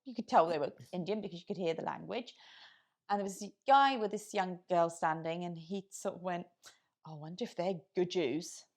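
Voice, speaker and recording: A woman co-hosting a casual chat, telling animated stories from her own life. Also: on the low side, brisk. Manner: chatty storyteller, animated anecdotes. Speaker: podcast co-host.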